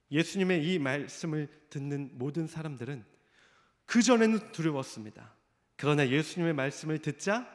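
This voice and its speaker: A man preaching a sermon, telling a story and acting out the voices of the people in it. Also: a little high. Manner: storytelling, acts out quoted voices. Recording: long reverb of a church hall.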